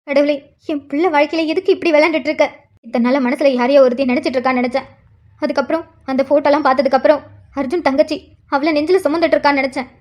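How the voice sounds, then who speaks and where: A woman's voice: sits high, steady tone, very fast, darkish tone, close to an everyday voice. Woman voicing a tearful worried mother. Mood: anxious. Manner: anguished, pleading to god.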